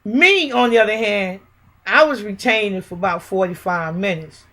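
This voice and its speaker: Middle-aged woman, mid-pitched, emphatic colloquial storyteller telling a personal account. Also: moderate pace, sharp tone. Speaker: mother recounting a police raid.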